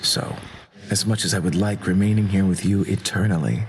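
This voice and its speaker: A man voicing a courteous, lovestruck god of doom in a video game, solemn and shy, speaking formally and haltingly. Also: sits low, fairly even intonation, slight background noise. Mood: solemn, tender. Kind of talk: dramatic video game voice acting. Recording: music behind the voice.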